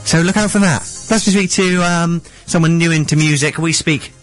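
A man's voice: a little high, normal speed, soft background music, rough recording. Young man co-hosting a casual radio show.

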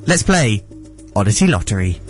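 A man's voice: on the low side, sing-song, moderate pace, soft background music. A man hosting a radio show in a chatty, enthusiastic way.

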